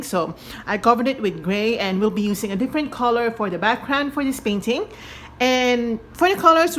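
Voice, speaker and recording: A woman's voice: mid-range voice, slight background noise. A woman hosting a painting tutorial in a chatty, giggly, casual way, with slightly awkward articulation from braces just being removed. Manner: chatty, giggly, self-correcting. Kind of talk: casual hands-on tutorial talk.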